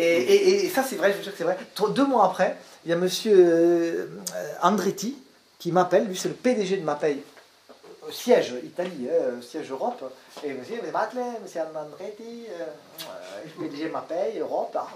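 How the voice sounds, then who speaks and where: A man, an actor, telling a personal story to an audience in a lively way and often repeating words as he searches for them. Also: high voice, normal speed, roomy sound, a little hiss or hum. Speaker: stage actor and director.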